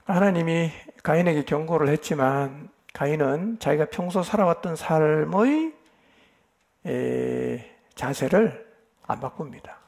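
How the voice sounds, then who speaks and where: A man's voice: a little high, expressive, measured pace, vocal fry, a little mellow. A male pastor giving a Bible lecture at a church retreat, addressing the congregation directly with emphatic rhetorical questions. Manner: keeps addressing the listeners directly, with affirming "yes".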